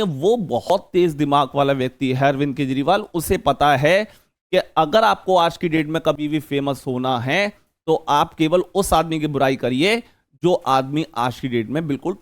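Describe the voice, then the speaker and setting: A man teaching an exam-prep vocabulary lesson, chatty and joking, repeating key words as memory tricks. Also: fairly high pitch.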